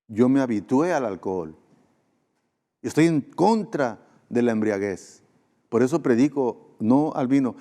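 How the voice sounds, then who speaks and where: A man's voice: mid-range voice, mellow. A man pastor with a Mexican Spanish accent, preaching a sermon in an earnest, conversational way with emphatic repetition. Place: church sanctuary. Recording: long church hall reverb.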